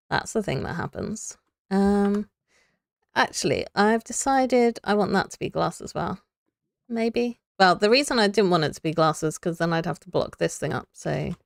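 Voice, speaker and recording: Chatty woman streamer, gravelly low voice. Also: dry recording, clean studio sound. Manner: chatty, thinks aloud while building, laughs often. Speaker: Minecraft streamer. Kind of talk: casual live gameplay chat.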